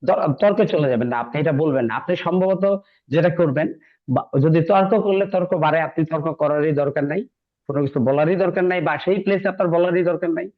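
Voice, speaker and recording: A man's voice: fairly high pitch, fairly quick. A man teaching an English class in a chatty, encouraging way, often repeating himself. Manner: conversational, encouraging, repeats phrases. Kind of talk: classroom lecture. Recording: dull lo-fi recording.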